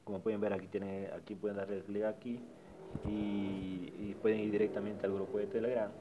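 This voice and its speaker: A man with a lowish, fairly flat voice talks quickly as he casually narrates a screen-recorded website walkthrough, tutorial-vlogger style. He keeps repeating himself and restarting phrases while pointing things out. The audio is lo-fi, with background noise.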